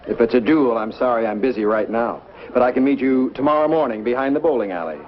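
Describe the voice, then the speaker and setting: An actor playing a deadpan, sarcastic middle-aged boss in a 1950s sitcom. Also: male voice, medium pitch, fast talker, a faint crowd, close to an everyday voice. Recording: dull 1950s TV soundtrack with faint noise.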